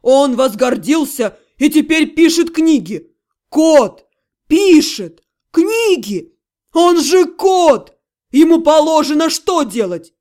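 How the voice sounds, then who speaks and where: A woman voicing a furious, capricious male high demon who bellows and shouts at people. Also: normal speed, close to an everyday voice. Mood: roaring.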